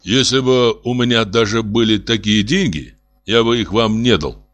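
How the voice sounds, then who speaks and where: A man's voice: lowish voice, moderate pace, fairly bright tone, voice pushed up, close to an everyday voice. A man voicing a stern official who argues and lectures in a level voice. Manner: stern, argumentative. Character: stern, sober-minded male official.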